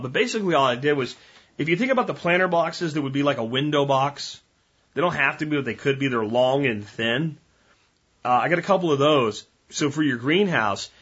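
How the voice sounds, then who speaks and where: A man's voice: mid-range voice, sharp tone, breathy edge, dull audio. A man hosting a podcast, talking in a folksy, rambling way and addressing listeners as guys. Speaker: podcast host. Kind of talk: casual podcast monologue.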